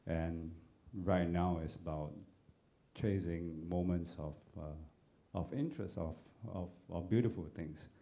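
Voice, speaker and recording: A man on a panel, answering thoughtfully with many pauses and fillers. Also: low voice, dark tone. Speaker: panelist composer. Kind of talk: relaxed panel discussion.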